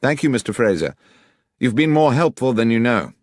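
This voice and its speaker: A man voicing Sherlock Holmes, a keen, commanding gentleman detective who speaks briskly and precisely in an audiobook. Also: medium pitch, big pitch swings, no echo, studio quality, pitched above the performer's own voice. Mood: brisk questioning. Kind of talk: audiobook character voice.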